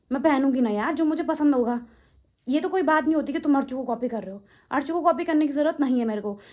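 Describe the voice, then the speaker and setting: A young adult woman vlogger talking quickly and indignantly, answering her critics directly in a casual rant. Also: sits high, darkish tone.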